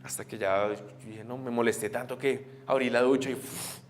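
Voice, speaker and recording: A young adult man, preaching a sermon as a pastor. He talks earnestly, moving between animated and quiet, reflective moments. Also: mid-range voice, moderate pace. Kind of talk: sermon storytelling. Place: church sanctuary. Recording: echoey church hall, faint guitar.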